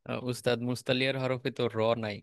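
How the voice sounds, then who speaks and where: A man asking his teacher a quick question in an online class. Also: medium pitch, little pitch movement, fairly bright tone, clear, resonant tone, dry recording, clean studio sound. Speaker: student.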